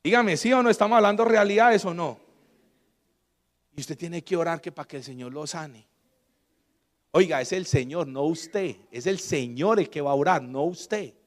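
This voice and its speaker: A Colombian guest pastor delivers a sermon with emphasis, his volume rising and falling as he poses call-and-response questions to the congregation. His voice is on the high side at a normal pace, and the sound carries the feel of a big room.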